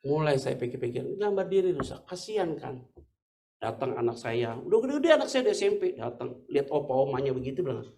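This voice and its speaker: Middle-aged man, pastor, sermon, lively swooping pitch, casual slangy storytelling, faint background noise. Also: fast talker, creaky.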